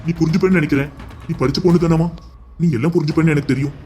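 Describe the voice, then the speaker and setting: Resigned older father for a cartoon, a man voicing him, low and subdued. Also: steady tone, racing, warm tone, a little hiss or hum, close to an everyday voice. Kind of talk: Tamil cartoon voice acting.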